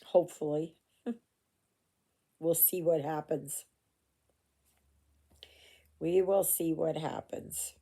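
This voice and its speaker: Low and steady, with a warm tone, this older woman's voice comes slowly with long pauses. She's a Canadian cross-stitch vlogger talking casually as she stitches at home, filmed on a phone camera, rambling through asides and fillers.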